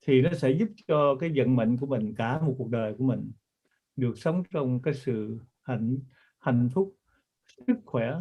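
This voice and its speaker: A man's voice: medium pitch, lo-fi sound. A man speaking earnestly to an audience as author and teacher, repeating himself for emphasis. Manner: earnest, repetitive. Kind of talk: talk to an audience.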